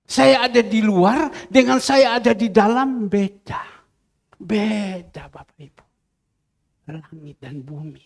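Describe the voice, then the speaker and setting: A male pastor preaching a fervent sermon, swinging from loud cries to quiet asides. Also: high-pitched, slow, creaky, long reverb tail.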